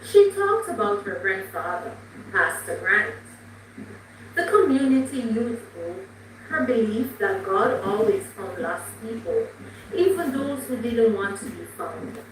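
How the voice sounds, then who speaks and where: A woman storyteller reads a short inspirational story slowly, her fairly high voice rising and falling with a lot of expression. She sounds far from the mic in a strongly echoing room, with faint noise underneath. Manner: slow, gentle, expressive reading. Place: room, live stream.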